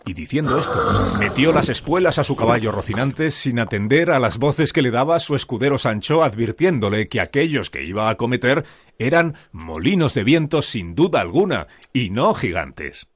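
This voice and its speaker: A man narrating a radio drama in a measured storytelling way. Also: mid-range voice, big pitch swings, background noise. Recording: narration over clear music.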